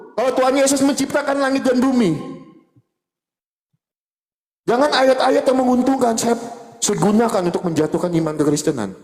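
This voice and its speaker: Man, very high voice, fervent loud debater, echoey room, long reverb. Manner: loud and fervent, rapid-fire verse citations. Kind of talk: live debate rebuttal.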